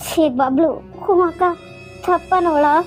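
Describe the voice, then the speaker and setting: A woman voicing a hurt, hot-tempered elder sister who speaks slowly and low, with a Kanyakumari Tamil accent. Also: a little mellow, soft background music. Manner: slow, lower, subdued.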